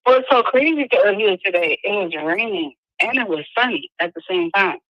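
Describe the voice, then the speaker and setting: A woman's voice: medium pitch, expressive, normal speed, dry recording. A woman phoning in to a live show, talking casually over a telephone connection. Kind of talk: casual phone conversation. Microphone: phone call. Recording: dull lo-fi telephone line.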